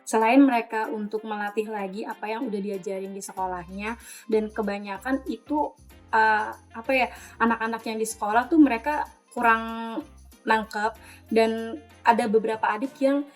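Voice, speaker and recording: A woman's voice: on the high side, fairly even intonation, normal speed. Woman, late twenties, volunteer tutor, casual hesitant interviewee, faint music under. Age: 20s. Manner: hesitant, many fillers.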